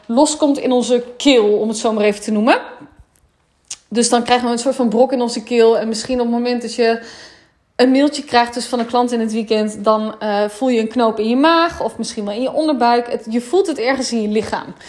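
A woman's voice: on the high side, a little mellow. A woman coach talking casually in a monologue, frank and sometimes swearing, with English phrases dropped in.

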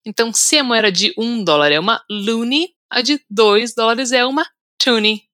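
A Brazilian woman hosts an English-lesson podcast from a script. She repeats each word slowly and carefully for the listener to copy. Her voice is bright and forceful, and the recording is dry and close. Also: fairly high pitch, dry recording. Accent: Brazilian Portuguese. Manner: slow, deliberate repetition for learners. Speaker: English teacher, podcast host.

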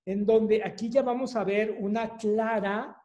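A woman's voice: on the high side, steady tone, a little slow, dark tone, muffled recording. A woman giving an educational talk on attachment, often ending points with a questioning tag. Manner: explains with acted-out dialogue examples and tag questions.

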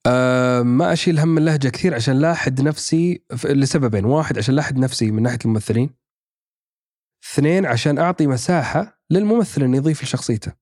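A fast-talking man with a mid-range, darkish voice appears as a podcast guest in casual conversation. He's an actor and writer from Saudi Arabia who thinks aloud, using lots of fillers and restarting often. The recording is dry and studio quality.

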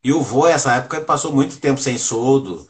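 A man, chatting casually and relaxed as host. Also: mid-range voice, brisk. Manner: relaxed, chatty, brief agreements. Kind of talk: casual conversation.

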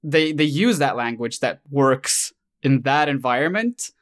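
A man's voice: medium pitch, lively intonation, a little slow, a bit bright. A man from Sweden, a YouTube creator chatting casually and reflectively, often restarting his sentences. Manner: hesitant, self-correcting, thoughtful. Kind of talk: casual conversation.

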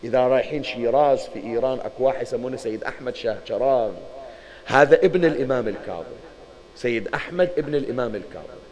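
A male preacher with a Bahraini accent delivers a religious mourning sermon as lively storytelling. He keeps turning to his listeners and addressing them directly. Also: medium pitch, very fast, poor audio. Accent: Bahraini Arabic.

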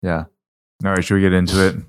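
Low-voiced man co-hosting a podcast. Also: flat delivery, fast, smooth. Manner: thinks aloud, restarts, hedging. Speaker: podcast co-host. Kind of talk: casual chat. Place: kitchen table in his living room.

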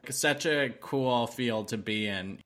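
A man's voice: medium pitch, slow, fairly bright tone. A man chatting casually as an interviewer, upbeat and encouraging in an informal way. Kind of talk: casual chat.

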